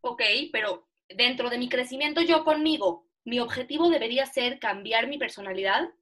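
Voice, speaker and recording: Young Mexican woman teacher, Mexican Spanish accent, high bright voice, animated and self-mocking, on a video call. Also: moderate pace. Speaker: teacher leading an online class. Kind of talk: casual online lesson.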